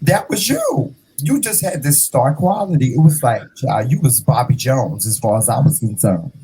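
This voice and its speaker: A man in his fifties hosting a casual interview, animated and playful, calling his guest "child" and "honey". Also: mid-range voice, normal speed, breathy edge, rough recording. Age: 50s. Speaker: host.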